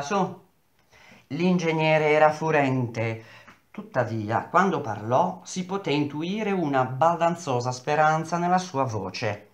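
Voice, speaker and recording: Man reading a novel aloud, roomy echo. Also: medium pitch. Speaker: reader of a novel.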